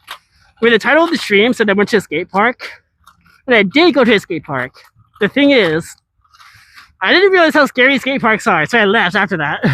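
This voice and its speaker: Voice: mid-range voice, fairly bright tone. An IRL streamer chatting casually with viewers while walking and scootering outdoors through a large city, rambling and answering chat as they go.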